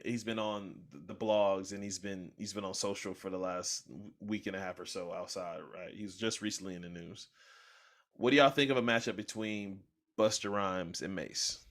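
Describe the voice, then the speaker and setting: A young man with a bright, forceful voice hosts a casual podcast conversation. He talks with plenty of filler and restarts, then gets loud and animated when he argues his point. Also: low voice, normal speed. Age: young adult. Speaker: podcast host. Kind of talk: casual chat.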